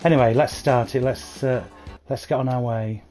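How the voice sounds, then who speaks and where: Over soft background music, a man with a dark, mid-range voice gives casual livestream commentary at a normal pace and with fairly even intonation. He's at home on a console playing a bus game, eagerly addressing viewers by name through his new gaming headset.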